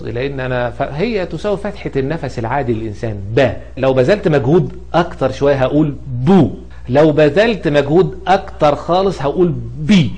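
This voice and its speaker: A teacher with an Egyptian Arabic accent walks through spelling rules in a slightly high male voice. He poses questions and answers them himself, one step at a time. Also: a little mellow. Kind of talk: explanatory grammar lesson.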